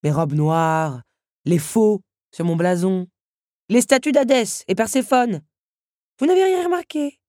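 A woman's voice: mid-range voice, animated, warm tone, no room sound, clean studio sound, voice pushed up, natural voice. A woman doing a cold scheming countess. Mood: mocking. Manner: ironic, measured and cutting. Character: cold, scheming noblewoman who hates losing.

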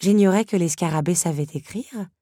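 A woman voicing a gentle young woman guest who speaks courteously. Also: lowish voice, fairly quick, breathy edge, dry recording, clean studio sound. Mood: polite. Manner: courteous, soft-spoken.

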